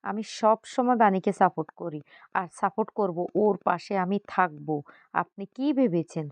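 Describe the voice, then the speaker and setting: A woman's voice: medium pitch, moderate pace, gravelly, dry recording, close to an everyday voice. A woman voicing a young husband who speaks firmly and indignantly. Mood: defiant. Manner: firm, indignant. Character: young husband, firm and defiant.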